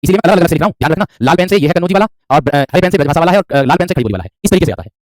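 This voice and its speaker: Fast-talking male Hindi teacher. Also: fairly high pitch, lively intonation, no room sound, clean studio sound. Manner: repetitive, quizzing, calls students "my friend". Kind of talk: online class lecture.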